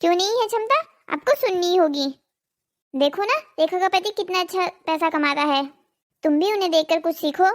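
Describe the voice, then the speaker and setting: A woman's voice: very high-pitched, moderate pace. A woman voicing a greedy, nagging village wife in a cartoon drama, scolding and pleading. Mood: complaining.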